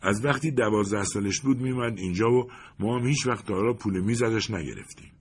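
A man's voice: on the low side, a little hiss or hum, pitched above the performer's own voice, close to an everyday voice. A man voicing an older woman who runs a billiards hall and talks in a chatty, matter-of-fact way.

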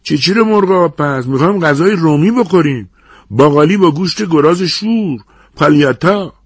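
A man voicing a demanding male diner who shouts his order. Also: fairly high pitch, animated, no echo, clean studio sound, pitched above the performer's own voice.

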